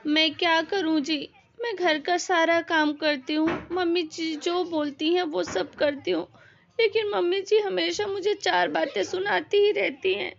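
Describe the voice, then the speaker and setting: A woman's voice: very high-pitched, fairly even intonation, a little slow, vocal fry, exaggerated voice. A woman acting a meek, mistreated daughter-in-law who pleads in a family drama. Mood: tearful. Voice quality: pleading, tearful. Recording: dull lo-fi audio.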